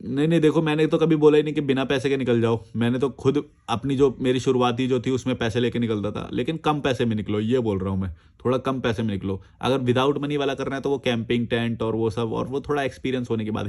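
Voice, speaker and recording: A man's voice: medium pitch, a little mellow. A man answering viewer comments in a casual chat, blunt and argumentative, recorded outdoors. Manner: blunt, argumentative, reads comments aloud then rebuts.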